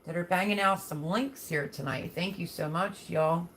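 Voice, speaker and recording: A woman's voice: on the low side, moderate pace, a bit bright, slight background noise. A woman hosting a casual live chat, talking in a folksy, affectionate way as she reads and answers viewer comments. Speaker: livestream host.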